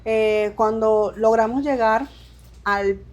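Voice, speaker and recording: A woman from Venezuela in her thirties gives emotional personal testimony in an interview. Her voice sits a little high, and she speaks haltingly, restarting phrases and acting out what others said to her. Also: fairly even intonation, darkish tone. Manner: halting, with restarts and quoted dialogue. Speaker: interview guest.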